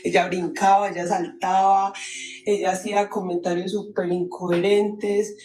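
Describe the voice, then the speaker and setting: A woman calling in to tell a personal paranormal story, nervous and halting, with many restarts. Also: medium pitch, little pitch movement, dark tone, echoey room, slight background noise, poor audio. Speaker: caller.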